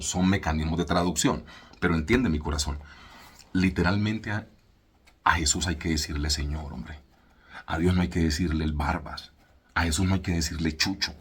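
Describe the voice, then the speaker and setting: A Colombian man preaching a relaxed, conversational sermon to his congregation. His voice sits low and slightly husky, and he talks in everyday slang, now and then slowing right down to stress a point. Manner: laid-back, colloquial, mimics voices, slows for emphasis. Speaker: church leader. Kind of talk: casual sermon teaching.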